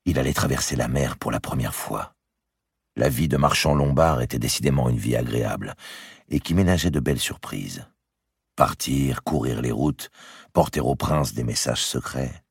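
A man narrating an audiobook in a steady storytelling manner. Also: very deep voice, normal speed, vocal fry, husky, no room sound, clean studio sound. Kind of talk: scripted narration.

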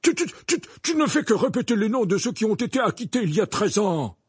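A pompous, defensive minister who trips over his words, as a man reading a storybook puts him on. His breathy voice swings widely up and down, close and dry. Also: fairly high pitch, very animated, moderate pace, no room sound, voice pushed up, full character voice. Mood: indignant. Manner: stammering, repeating words. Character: pompous flustered male minister, stubborn and defensive. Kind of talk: audiobook character voice.

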